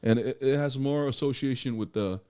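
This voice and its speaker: A man's voice: mid-range voice, fairly quick, mellow, clean tone. A man co-hosting a casual movie review podcast, who talks bluntly and swears freely. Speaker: podcast co-host.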